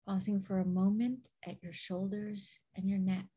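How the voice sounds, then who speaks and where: A woman host leading a guided meditation in a soft, soothing, breathy manner with long pauses. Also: mid-range voice, flat delivery. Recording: dull, lo-fi audio.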